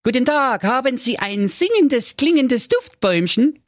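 A man's voice: very high-pitched, very animated, unhurried, no room sound, clean studio sound, pitched above the performer's own voice, exaggerated voice. A man voicing a boastful, cheerful young male suitor in a comic fairy tale. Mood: delighted. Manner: boastful, delighted.

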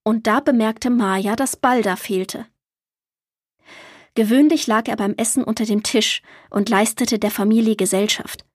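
A woman narrating a children's audiobook with lively storytelling. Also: on the high side, measured pace, husky, no room sound, studio quality.

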